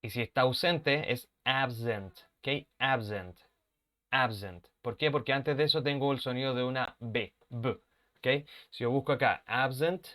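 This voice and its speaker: A man's voice: medium pitch, steady tone, moderate pace, fairly bright tone. A man teaching an online English class, patiently repeating words for pronunciation drills and laughing at his own mistakes.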